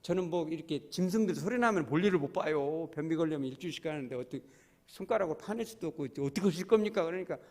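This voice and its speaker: A man's voice: fairly high pitch, animated, fast, darkish tone. A man preaching a sermon as pastor, telling stories with humor in a casual, colloquial way. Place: church sanctuary. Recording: long reverb of a church hall.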